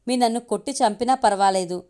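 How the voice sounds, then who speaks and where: A woman reading the lines of a proud, long-suffering young mother in a storybook reading, quiet but firm and defiant. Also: on the high side, fast talker, lightly acted.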